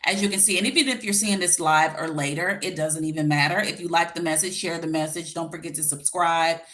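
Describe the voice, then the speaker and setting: A woman in her forties, a life coach and YouTube host, gives dating advice in a casual livestream chat. Her voice sits low with a steady, fairly bright tone, and she talks fairly quickly in an informal, direct way, with a slight lisp from her retainer.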